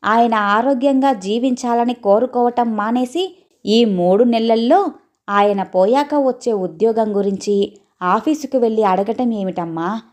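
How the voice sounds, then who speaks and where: A woman's voice: fairly high pitch, unhurried, a little mellow, lightly acted. A woman voicing a devoted young daughter in a storybook reading, pleading and reproachful by turns. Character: devoted young adult daughter, earnest and protective.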